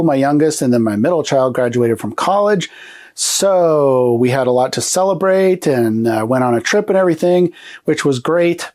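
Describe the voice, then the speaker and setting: A man's voice: on the high side, darkish tone. A man in his forties hosting a casual retro computer show, a bit nasal and congested from a recent illness, chatty and upbeat with loose fillers. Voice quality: slightly nasal. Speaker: host.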